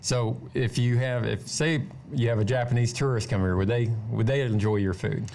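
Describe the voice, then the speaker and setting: A man hosting a radio interview show, chatty and halting, often repeating words as he talks. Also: medium pitch, vocal fry, a little mellow, slight background noise. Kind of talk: casual interview.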